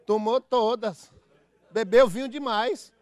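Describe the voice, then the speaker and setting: Pastor guy preaching, pretty high voice, jumps from soft mutters to loud shouts. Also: slow, dry recording. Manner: animated, mimics church members with comic voices; swings from soft low asides to loud proclamations. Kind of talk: lively preaching sermon.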